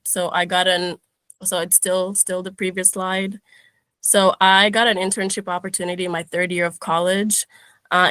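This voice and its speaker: A woman's voice: fairly low pitch, fairly bright tone, clean tone, no room sound. A young woman from Kenya, a guest speaker giving an upbeat webinar presentation over a video call, with frequent "um"s and restarts.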